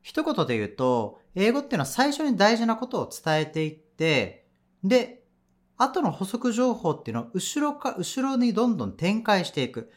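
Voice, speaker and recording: A man's voice: high voice, huge pitch swings, normal speed. A man teaching an audio lesson as an English teacher at a cram school, explaining in a chatty, patient way.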